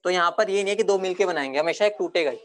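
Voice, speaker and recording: A man teaching a chemistry class, casual and repetitive, often telling students to be quiet. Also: sits high, rapid-fire. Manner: chatty, repeats himself, hushes the class. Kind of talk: classroom lecture.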